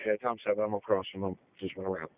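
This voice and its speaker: A man supervising police in the field, giving brisk, directive instructions over police radio. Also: low voice, flat delivery. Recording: tinny narrow-band police radio audio.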